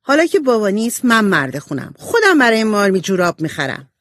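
A narrator voicing a spirited, tomboyish teenage girl who exclaims and insists loudly. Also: medium pitch, wildly swooping pitch, dry recording, clean studio sound, voice pushed up. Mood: defiant.

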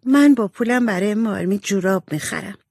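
Narrator doing beth, gentle little girl, higher voice, kind and coaxing. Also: vocal fry, no room sound, clean studio sound. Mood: earnest.

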